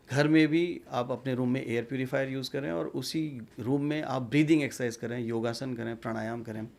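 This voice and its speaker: Male doctor guest, gravelly voice, measured explainer. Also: mid-range voice, darkish tone. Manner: measured, explanatory, mixes English terms. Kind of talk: medical interview answers.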